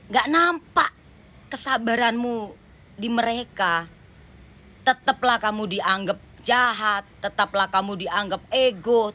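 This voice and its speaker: Slow, bright-voiced woman reading tarot. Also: medium pitch. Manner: emphatic, repetitive, speaking directly to the viewer. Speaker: tarot reader. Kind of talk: general tarot reading monologue.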